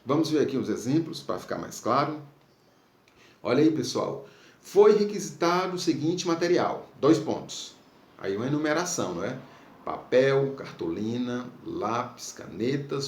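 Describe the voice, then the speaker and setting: A man's voice: medium pitch, big pitch swings, unhurried. A man from Brazil teaching a recorded school lesson, patiently checking in with his pupils. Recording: echoey room, faint background noise.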